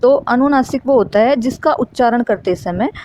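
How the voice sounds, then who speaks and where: A woman's voice: fairly high pitch, moderate pace, a little mellow, slight background noise. A woman teaching a Hindi grammar lesson for exam preparation, explaining step by step and repeating key terms.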